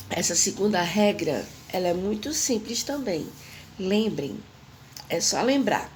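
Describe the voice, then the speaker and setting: A woman, teaching an English grammar lesson slowly and repeating the rules while stressing the example words. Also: medium pitch, gravelly, slight background noise.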